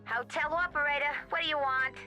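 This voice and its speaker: A woman's voice: high-pitched, fairly even intonation, brisk, loud music behind the voice, close to an everyday voice. An actress playing a blunt, impatient young woman hotel phone operator in a game. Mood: brusque.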